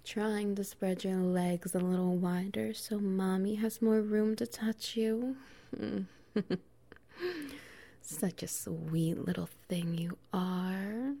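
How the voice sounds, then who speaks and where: A woman performing an intimate audio roleplay, talking softly and teasingly, slipping into whispers and low laughs. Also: fairly even intonation, slow, gravelly.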